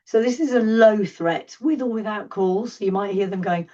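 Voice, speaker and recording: A woman's voice: medium pitch, moderate pace, dark tone. A middle-aged woman from England with a sore throat, giving a chatty, enthusiastic online talk as a seal researcher over wildlife clips. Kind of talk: informal narrated video lecture. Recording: distant, dull lo-fi mic.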